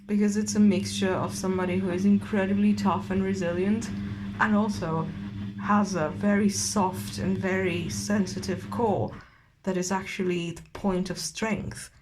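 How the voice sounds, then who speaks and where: Casting: tipsy-to-drunk woman, mid-pitched voice, rambling and sweary, noticeable bathroom noise behind her. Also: steady tone, normal speed. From Eastern Europe. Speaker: vlogger and novelist. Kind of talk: casual rambling rant. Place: in a bathtub in a bathroom at home. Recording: clearly noisy bathroom ambience.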